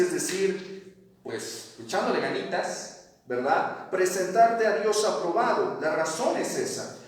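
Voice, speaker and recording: A man teaching a Bible study class, asking questions and reading verses aloud. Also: sits high. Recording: echoey room, mic at a distance.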